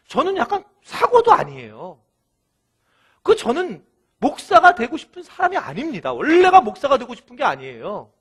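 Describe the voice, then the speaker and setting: A male pastor delivering a sermon in an animated, storytelling way, acting out quoted lines, with a thin, light voice. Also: very high-pitched, slightly rough.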